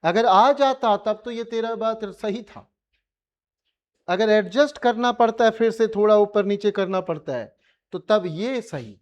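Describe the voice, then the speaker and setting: A man's voice: high-pitched, a little slow. A male physics teacher with an Indian accent, giving a colloquial classroom revision lecture and pressing his students with repeated questions.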